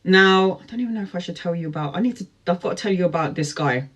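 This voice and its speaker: A tarot reader in his forties tells a rambling personal story to camera, chatty and full of fillers and asides. His voice sits high, is a bit bright, and moves fast.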